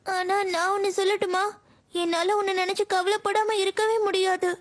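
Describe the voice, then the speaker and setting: Doraemon, a woman voicing a high-pitched robot cat. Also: level tone, normal speed. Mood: tender. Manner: high, scolding then tender. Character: earnest robot cat from the future. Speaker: dub voice actor. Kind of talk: cartoon dub acting.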